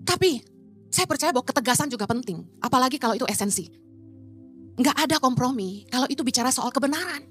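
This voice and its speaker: Blunt high-voiced woman preaching. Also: expressive, fast, fairly bright tone, soft background music. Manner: blunt, emphatic, switches into English phrases. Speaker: pastor. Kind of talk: sermon.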